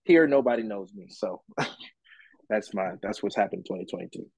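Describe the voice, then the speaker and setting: A musician man answering interview questions casually, relaxed and rambling with many fillers and restarts. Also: lowish voice, moderate pace, slightly rough, no room sound, low-quality recording. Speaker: musician guest.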